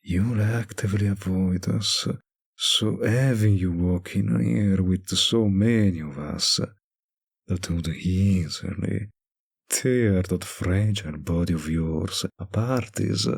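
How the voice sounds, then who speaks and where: In an intimate audio roleplay, a man fully voices a centuries-old vampire bartender who teases the listener with smug, predatory charm. His breathy, gravelly, husky low voice drawls extremely slowly with long pauses. The mood is sympathetic and admiring.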